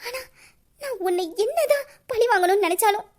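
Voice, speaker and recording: A woman's voice: very high voice, animated, fairly quick, a little mellow. A woman voicing a remorseful young woman in an audio drama who pleads through tears and confesses a secret plan for revenge. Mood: confessing. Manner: sobbing, pleading, guilt-ridden. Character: tearful young woman hiding a revenge scheme. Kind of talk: emotional audio drama acting.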